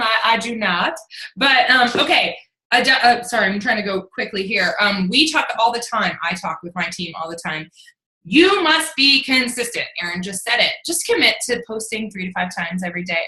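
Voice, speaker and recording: Bright energetic woman coach, roomy echo. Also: on the high side. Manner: energetic, rambling, laughs often. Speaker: fitness coach. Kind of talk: casual coaching talk.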